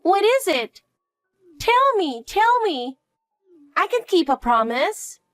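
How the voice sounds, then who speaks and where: Played by a woman, a nervous young schoolgirl clings to every word, her voice pitched high and bouncing with anxious questions. She is eager to please and quick to plead. The sound is close and dry. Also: big pitch swings, no room sound, faint music behind, exaggerated voice. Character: anxious clingy little schoolgirl, elementary age. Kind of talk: one-voice audio drama.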